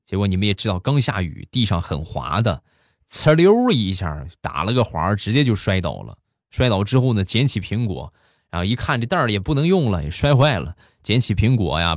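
Lively low-voiced male comic storyteller. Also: no echo. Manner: animated, colloquial northern-style banter with many 啊 fillers. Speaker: comedic storyteller. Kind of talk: humorous anecdote telling. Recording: dry close mic with faint background music.

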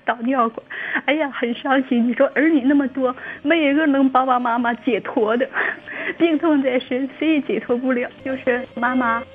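Calling in by phone, a woman recounts a moving, tearful story during an emotional phone-in exchange. She has a high voice with a steady tone and normal pace, and the telephone audio sounds tinny.

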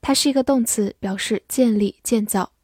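A young adult woman teaching English vocabulary in a scripted lesson, spelling out words slowly and carefully. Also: a little high, darkish tone, slightly rough, no echo, studio quality.

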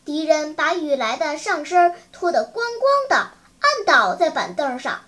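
High-voiced woman telling a children's story. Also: sing-song, a little slow, a bit bright. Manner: vivid, dramatic, clear enunciation. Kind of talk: expressive storybook narration.

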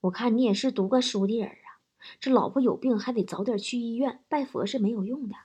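A woman voicing a stern old grandmother in her seventies or older who gives serious advice in a hushed, whispery voice. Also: fairly high pitch, brisk, reverberant, heavy background noise, lightly acted. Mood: solemn.

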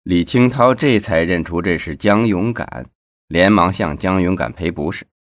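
A man narrating a novel with lively storytelling, close to the mic. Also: low voice, normal speed, no echo.

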